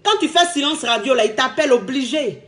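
A woman's voice: high voice, brisk. A woman, giving emphatic, casual relationship advice as a coach. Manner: lively, emphatic, repetitive, laughing often.

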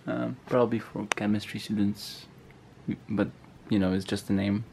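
A young Polish-accented man narrates a casual hiking vlog from behind a handheld camera, tossing out dry, playful remarks on outdoor trails and inside wooden huts. His voice is lowish and steady at a moderate pace, darkish with vocal fry. The noisy camera picks up ambient sound.

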